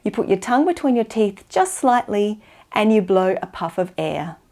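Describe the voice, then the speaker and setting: An Australian woman giving an instructional pronunciation lesson, enunciating slowly and carefully for language learners. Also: medium pitch, big pitch swings, warm tone. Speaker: English pronunciation teacher.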